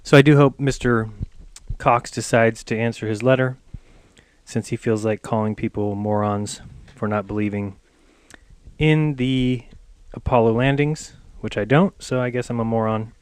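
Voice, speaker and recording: A man's voice: medium pitch, moderate pace, darkish tone, clear, resonant tone. Chatty man hosting his own channel. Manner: loose, chatty, many "uh" fillers. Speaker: channel host. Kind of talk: casual talk to camera.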